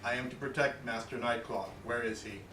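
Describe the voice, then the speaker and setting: Man putting on a flat robotic construct guard. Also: medium pitch, brisk, close to an everyday voice. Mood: stiff. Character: male robotic construct guard, stiff and dutiful. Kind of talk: tabletop game player in character. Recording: roomy, distant mic, noisy.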